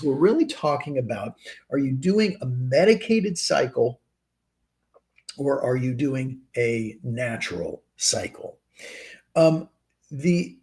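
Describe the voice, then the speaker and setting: A man's voice: medium pitch, creaky. A man, a fertility doctor, explaining answers to viewer questions on a live show, with many ums and restarts. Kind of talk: live Q&A chat.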